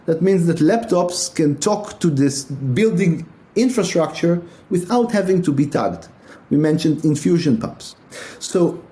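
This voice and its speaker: A middle-aged man from Israel speaks in a mellow, warm tone. He talks casually as a guest, stopping often with fillers and restarts. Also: medium pitch. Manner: many hesitations and filler sounds. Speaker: guest, tech company executive. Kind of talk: casual interview talk.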